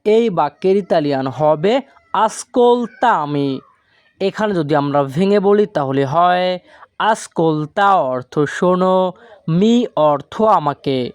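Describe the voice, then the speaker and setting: A man teaching a language lesson from a script, slowly and deliberately, drawing out each foreign word. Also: sits high, lively intonation, clean tone, dry recording. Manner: slow and deliberate, stretches out foreign words.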